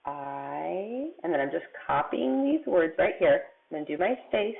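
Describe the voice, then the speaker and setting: Kindergarten teacher lady, slow and patient, sounds words out, lively sing-song, phone-quality audio. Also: fairly low pitch, gravelly. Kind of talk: remote writing lesson for young children.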